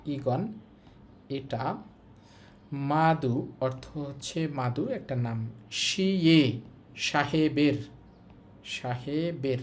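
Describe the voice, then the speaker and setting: A man's voice: on the high side, a little mellow, a little hiss or hum. A man from Bangladesh teaching a language lesson from a textbook. He explains each line step by step and repeats words and their meanings.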